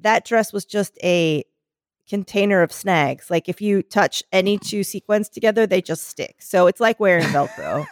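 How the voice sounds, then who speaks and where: A podcast co-host, a woman, chats casually at a normal pace in a medium-pitched voice made smoky and scratchy by a sore throat. She rambles through stories and keeps restarting. It's studio quality with no room sound.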